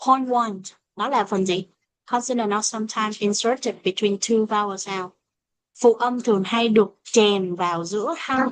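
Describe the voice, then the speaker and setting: A woman teaching an English pronunciation lesson, speaking English with a Vietnamese accent and slowing down to model example phrases. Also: mid-range voice, fairly bright tone, dry recording. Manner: switches between explanation and slow modeled English examples. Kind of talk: classroom lesson explaining pronunciation.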